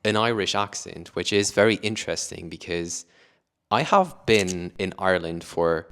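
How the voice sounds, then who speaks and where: A young man from Luxembourg with a low, smooth, slightly bright voice talks to camera about photography gear at normal speed. His English carries an international accent built on British teaching, and he explains by rephrasing, often with "let's say" and "additionally."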